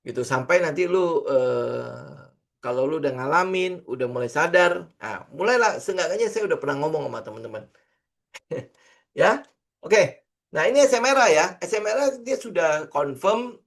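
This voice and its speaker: A middle-aged man talks through a casual trading lesson. His voice sits a little high, and he keeps it loose and chatty, full of fillers and rhetorical questions. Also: gravelly. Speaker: trading instructor. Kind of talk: casual screen-share lesson.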